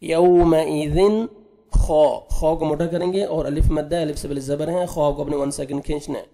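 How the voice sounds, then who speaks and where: A man teaching Quran recitation, patiently spelling out letters and sounds, then drawing out each recited word slowly. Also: fairly high pitch, flat delivery, a crowd in the background. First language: Urdu.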